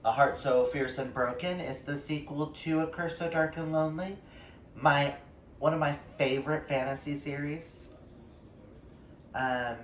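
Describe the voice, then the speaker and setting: Speaking a little high into a distant mic, a vlogging book reviewer talks casually and excitedly to viewers about books, stressing his points. The room echoes, and faint noise sits in the background.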